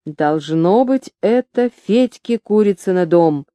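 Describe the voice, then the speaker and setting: Woman reading as a cranky old churchman, slow and scolding, mellow dry voice. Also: medium pitch, animated, no echo. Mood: thoughtful. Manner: scolding, querulous. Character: grumbling older male churchman, irritable.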